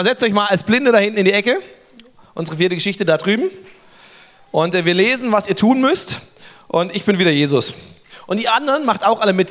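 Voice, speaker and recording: A man preaching a lively sermon, retelling stories in a joking, playful way and directing his audience to join in. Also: sits high. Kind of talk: lively interactive sermon with storytelling. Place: before a live congregation.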